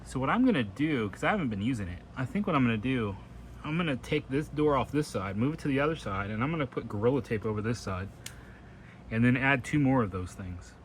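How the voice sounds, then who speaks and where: A man with a mid-pitched voice chats informally, as if filming his own vlog. He thinks aloud and narrates chores as he goes. Faint ambient noise sits behind his voice. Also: animated, fast. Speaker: RV living vlogger. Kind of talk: casual first-person vlog chat while doing chores.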